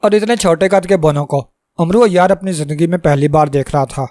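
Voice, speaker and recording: A male storyteller reading a fantasy tale in a steady, dramatic way. His voice is fairly high, and the recording is dry and close, with no room echo. The pace stays even throughout the reading. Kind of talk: storybook narration.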